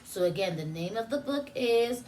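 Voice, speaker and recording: In a fairly high, expressive voice with a darkish tone, a preschool teacher reads aloud during story time, breaking in with instructional asides and simple questions, then pausing for answers. The recording is rough, with a little hiss or hum.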